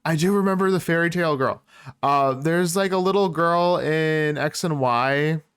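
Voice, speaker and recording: A man's voice: fairly high pitch, normal speed, a bit bright, clean tone, dry recording, studio quality. A man co-hosting a podcast in playful casual chat, laughing often. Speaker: podcast co-host.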